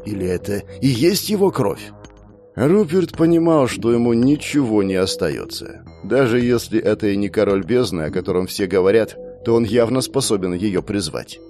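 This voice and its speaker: A man reading a dark fantasy story aloud in a measured, even storytelling voice. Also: on the low side. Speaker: audiobook narrator. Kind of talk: scripted narration. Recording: dry close mic, faint music.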